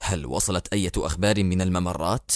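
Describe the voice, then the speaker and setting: A man voicing a grave, grieving male president, speaking low, hushed and solemn in a dry audiobook recording. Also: fairly even intonation, fast, no room sound, lightly acted. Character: grave grieving male head of state, firm.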